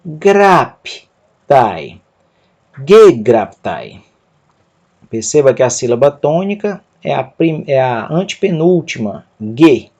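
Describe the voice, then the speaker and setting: A man teaching a Greek reading lesson, sounding out words slowly and repeating them syllable by syllable, with a Brazilian Portuguese accent. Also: on the high side, expressive, mellow. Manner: drawn-out, syllable-by-syllable pronunciation drills. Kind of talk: slow, careful reading lesson.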